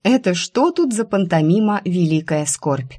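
Woman reader doing a sharp-tongued young rival student, sardonic, low husky voice. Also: lively intonation, measured pace. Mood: mocking. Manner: scolding, sardonic.

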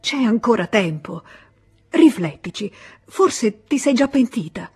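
A self-serving young man, clipped and grumbling, muttering his excuses to himself, as a woman narrator puts him on. The voice stays husky and breathy. Faint music sits behind this audiobook reading. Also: on the high side, sing-song, a little slow, a little mellow, pitched above the performer's own voice, full character voice. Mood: coaxing. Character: cynical young man, wavering lover.

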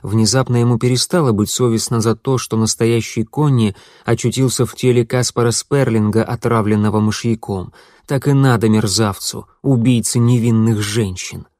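Male audiobook narrator, even and measured, dry close sound. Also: medium pitch, dry recording.

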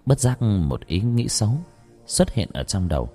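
A man tells a ghost story in a low, dramatic voice. His pitch rises and falls with the telling. Soft music runs quietly in the background. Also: very animated, normal speed. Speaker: narrator.

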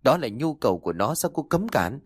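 A man's voice: mid-range voice, big pitch swings, brisk, husky, no room sound, clean studio sound, pitched above the performer's own voice. A man voicing a cruel, domineering older mother-in-law in an audio story, with a harsh, scolding delivery.

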